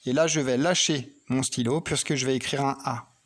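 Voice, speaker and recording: This man's mid-range voice has fairly even intonation and a moderate pace. He's giving a child a slow lesson in handwriting and phonics, calmly describing each stroke of the pen and spelling words letter by letter.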